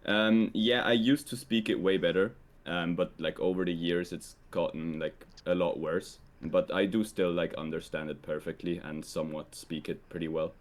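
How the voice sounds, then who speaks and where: Deep-voiced young man, hesitant. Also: moderate pace, few pauses. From Switzerland. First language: Swiss German. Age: young adult. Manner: relaxed, hesitant, heavy use of "like" and "um". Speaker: guest. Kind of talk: casual conversation.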